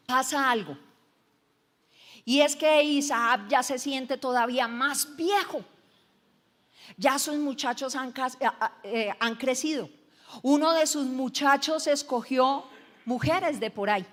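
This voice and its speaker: A woman pastor with a Colombian accent preaches in a high voice, retelling a story with humor and chatty asides to her congregation. Her voice echoes with a long reverb through the church hall. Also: a bit bright. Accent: Colombian Spanish. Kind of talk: sermon.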